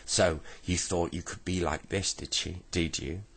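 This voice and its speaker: Storybook old woman, fierce and scolding, gravelly low voice raised up, as a male reader puts her on. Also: fairly even intonation, measured pace, fairly bright tone, exaggerated voice. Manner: scolding and shrill. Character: fierce bossy old woman who lives in a shoe.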